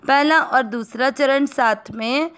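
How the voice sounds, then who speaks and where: Indian woman, pronunciation teacher, very slow, smooth clear voice, fairly high. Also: fairly bright tone. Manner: breaks words into syllables, then chants the verse slowly. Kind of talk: slow syllable-by-syllable recitation lesson.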